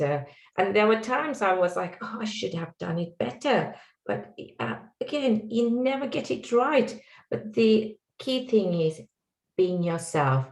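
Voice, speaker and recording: A middle-aged tech executive with a Sri Lankan accent speaks as a guest on an online panel, earnest and reflective, using many fillers. Her voice is deep, and the room sounds echoey.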